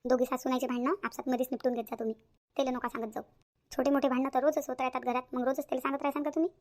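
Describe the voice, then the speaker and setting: A woman's voice: sits high, level tone, very fast, lightly acted. A woman doing Shantabai, a lecturing elder aunt. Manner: lecturing, admonishing.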